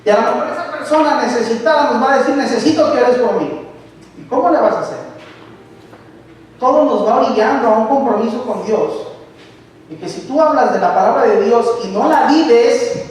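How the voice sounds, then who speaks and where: A lay preacher with an extremely high-pitched, slightly mellow voice gives a conversational sermon at a moderate pace, weaving in personal testimony and often putting rhetorical questions straight to the congregation. He is in a church sanctuary, recorded by a distant mic in a reverberant hall, with slight background noise.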